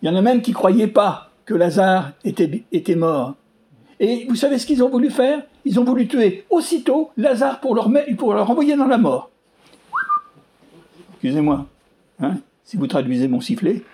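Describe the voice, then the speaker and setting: A preacher giving a sermon, emphatic, asking rhetorical questions and piling up repeated phrases with sweeping rises in pitch. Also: expressive, moderate pace, mellow.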